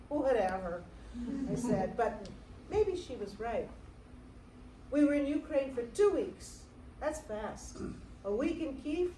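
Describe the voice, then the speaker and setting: An actress in a staged theatre reading playing a devoted American single mother recalling her adopted daughter, in a tender, measured monologue. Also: a little high, warm tone. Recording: roomy stage sound from far off, faint noise.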